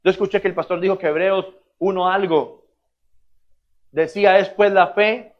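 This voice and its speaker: A man with a Colombian accent preaching a lively sermon as pastor, calling out to the congregation and acting out little scenes. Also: high voice, normal speed, lo-fi sound. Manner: animated, calls out to the congregation, acts out little scenes.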